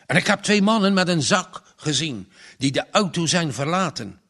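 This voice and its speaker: A man voicing an urgent, gravelly village watchman. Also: a little high, animated, normal speed, sharp tone, full character voice. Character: determined grown man, a villager on night watch.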